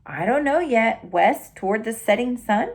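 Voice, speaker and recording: A woman gives voice to a proud male ranch dog in a storybook read-aloud. He speaks in an indignant, dramatic way, sulking over the wrongs done to him, in a fairly high voice. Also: lively intonation, normal speed, breathy edge. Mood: defiant.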